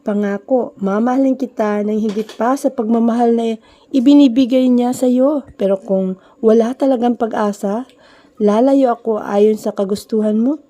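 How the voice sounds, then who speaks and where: A woman's voice: a little high, normal speed, dark tone, natural voice. A woman voicing a lovesick young woman who pleads emotionally with the man she loves. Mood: pleading.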